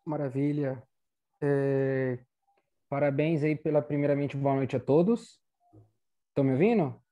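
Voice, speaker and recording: A man's voice: medium pitch, a little slow, highs cut off. Polite Brazilian man on a call. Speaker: meeting participant. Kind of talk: casual remarks in an online meeting.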